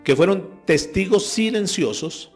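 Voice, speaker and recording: A man preaching a sermon as pastor, moving between quiet reflection and loud emphatic passages. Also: high voice, animated, a little slow, soft background music.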